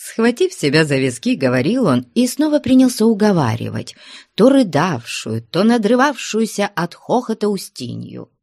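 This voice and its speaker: A woman narrating an audiobook in an expressive, unhurried reading style. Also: medium pitch, gravelly, no echo, clean studio sound.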